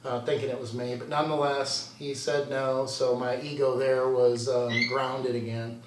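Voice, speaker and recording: A man's voice: medium pitch, flat delivery, measured pace, distant mic. Candid man in a roomy room. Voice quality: candid, conversational, self-deprecating. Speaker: contest prep coach. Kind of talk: answering viewer questions. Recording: roomy sound from away from the mic.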